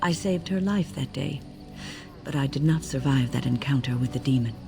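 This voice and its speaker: An older actress voices a wise, composed mage woman in dramatic video game dialogue, telling her story in a measured, formal, reflective way with a grave mood. Her voice is very deep and creaky, with music playing in the background.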